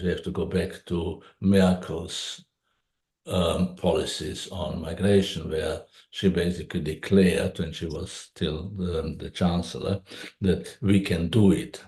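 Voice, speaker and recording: A man's voice: deep voice, mellow, echoey room. A man answering as a panelist at an academic symposium, speaking hesitantly with frequent fillers.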